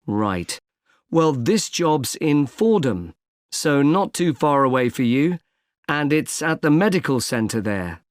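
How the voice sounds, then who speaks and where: A man playing a polite employment agency consultant in a scripted exam dialogue, speaking in a measured way and spelling words out slowly. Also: a little high, sing-song, no echo, clean studio sound. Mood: calm. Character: helpful male recruitment agent, patient and polite.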